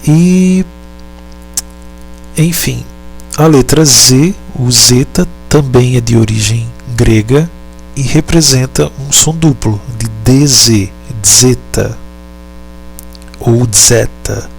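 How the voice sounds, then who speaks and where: A man teaching a lesson, speaking deliberately, pausing often and correcting himself. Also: mid-range voice, vocal fry, darkish tone, faint music behind. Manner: deliberate, halting, repeats and self-corrects. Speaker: Latin teacher. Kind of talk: slow explanatory lesson.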